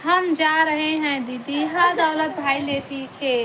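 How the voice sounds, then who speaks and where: A woman's voice: high voice, steady tone, takes it slowly, sharp tone, slight background noise. A woman with a Chhattisgarhi accent, hosting a casual live stream from home and chatting with viewers by name as she reads their comments. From Chhattisgarh, India.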